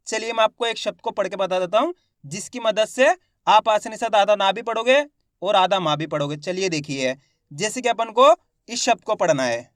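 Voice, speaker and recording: High-voiced man teaching Hindi reading. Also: a bit bright, dry recording, clean studio sound. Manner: drills syllables aloud slowly, asks and answers his own questions; addresses viewers as friends, plain conversational teaching. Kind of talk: step-by-step classroom lesson.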